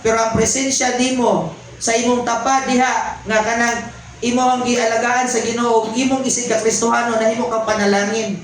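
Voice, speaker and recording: A man's voice: very high voice, level tone, moderate pace. A man preaching a conversational sermon, mixing in English and calling out to the congregation. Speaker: pastor. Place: church hall. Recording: very echoey church hall, faint background noise.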